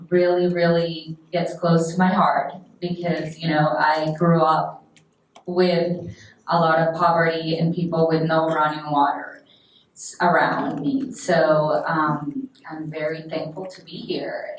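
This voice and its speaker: A woman from Colombia introducing herself on a panel, earnest and hesitant. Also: deep voice. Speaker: panelist, business founder. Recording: echoey hall, distant mic.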